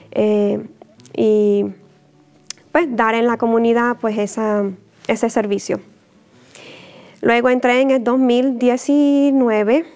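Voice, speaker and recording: A Puerto Rican religious sister in her thirties gives a gentle, unhurried personal testimony to camera in a mid-sized indoor church chapel. She speaks on a lapel mic in a fairly high voice, with soft fillers and small laughs.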